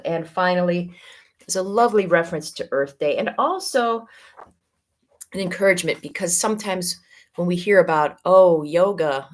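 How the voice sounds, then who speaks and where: A middle-aged woman with a Midwestern American accent, giving a spiritual teaching talk as a yoga teacher in a gentle, unhurried way that draws out key words. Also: fairly low pitch.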